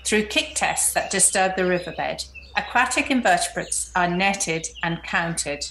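A woman's voice: on the low side, expressive, unhurried, bright, forceful tone, slight background noise, poor audio. A woman presenting and interviewing as a podcast host. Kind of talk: scripted introduction and conversational interviewing.

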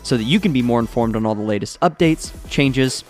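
A man's voice: medium pitch, expressive, a little fast, a little mellow, faint music behind. A man co-hosting a casual tech podcast, upbeat and laughing easily, with lots of fillers and restarts. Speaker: podcast co-host.

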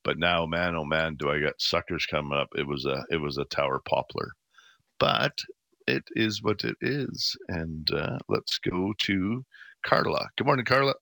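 A man's voice: low-pitched, normal speed, vocal fry, sharp tone, no echo. A middle-aged man hosting a radio call-in show, giving casual advice in an informal, rambling, folksy way. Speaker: radio gardening phone-in host. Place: radio studio. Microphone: close studio microphone.

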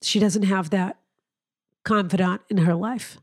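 A woman's voice: medium pitch, steady tone, unhurried, breathy edge. Woman co-host with a weak, cold-worn voice. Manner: earnest, rambling with restarts. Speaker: podcast co-host. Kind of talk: casual advice chat.

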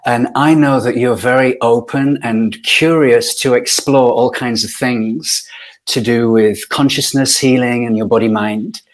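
A middle-aged podcast guest from Yorkshire in northern England tells a reflective personal story in a steady, medium-pitched voice. He is thoughtful and unhurried, pausing frequently and saying "um" a lot.

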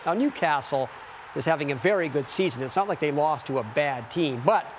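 A man anchors a sports newscast in a fairly high male voice. He narrates highlights conversationally and slips in wry, offhand remarks. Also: animated, a little fast, a little hiss or hum.

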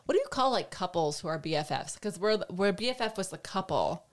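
A woman's voice: fairly low pitch, lively intonation, a little fast. A woman co-hosting a podcast in casual banter, with playful, self-mocking asides and a chatty way of talking. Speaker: podcast co-host.

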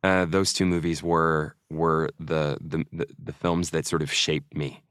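Low-voiced man telling stories. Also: little pitch movement, measured pace, a bit bright, clear, resonant tone, no echo, studio quality. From Norway. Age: 40s. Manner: chatty, self-mocking storyteller. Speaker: actor guest. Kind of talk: casual interview chat.

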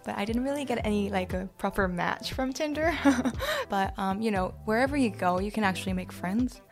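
A woman's voice: medium pitch, a little fast, over music. Chatty young Korean-accented woman. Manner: chatty, many filler "like"s, laughs easily. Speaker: interviewee, cabinet-making apprentice. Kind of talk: casual interview chat.

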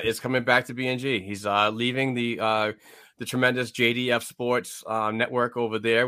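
A man's voice: on the low side, sharp tone, dry recording, studio quality. A man co-hosting a sports podcast in casual, conversational talk. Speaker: podcast co-host. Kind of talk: casual chat about hockey.

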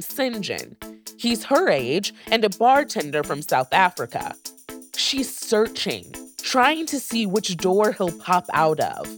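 A woman hosting a podcast, reading a scripted narration in a lively storytelling way. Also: mid-range voice. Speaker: podcast host.

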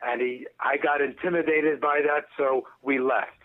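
A man's voice: medium pitch, fairly even intonation, moderate pace. A man calling in over the phone to a podcast, telling his story in formal, wordy phrasing. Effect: heard over the phone. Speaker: caller. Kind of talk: casual phone call on a podcast. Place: lives in a big city apartment building. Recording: tinny phone line.

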